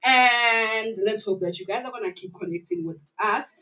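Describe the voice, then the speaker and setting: A woman's voice: mid-range voice, moderate pace, bright, forceful tone, soft background music. A young South African woman with a wheezy voice, hosting a chatty live community radio show at a studio microphone. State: wheezy from asthma. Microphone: studio microphone on a desk stand.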